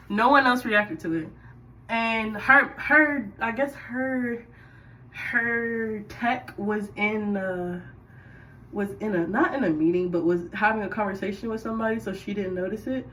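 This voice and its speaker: Woman storyteller, casual, lively, sits back from the mic, voice on the higher side. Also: distant mic, a little hiss or hum, low-quality recording. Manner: chatty and animated, with sudden loud bursts. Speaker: radiology tech telling a work story. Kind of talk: casual storytime while doing hair.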